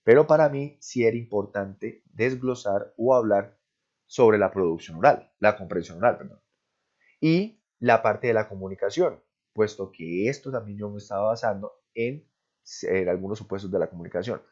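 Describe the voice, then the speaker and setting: A man's voice: lowish voice, animated, moderate pace, darkish tone, lo-fi sound. A male professor gives an online class, explaining step by step and often checking with "¿sí?" and "¿listo?".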